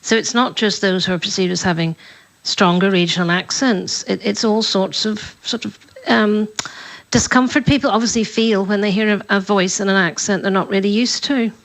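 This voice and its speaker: A woman's voice: mid-range voice, fairly even intonation, normal speed, low-quality recording. A woman guest on a radio discussion, forthright and opinionated, with the occasional sigh. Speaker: guest commentator.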